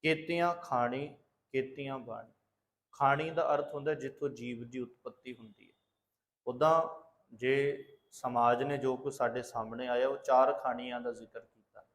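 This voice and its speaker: Male preacher, scripture exposition sermon; measured recitation of verses, then teacherly explanation with rhetorical questions. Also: medium pitch, steady tone. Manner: teacherly, asks and answers his own questions. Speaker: Sikh preacher giving katha.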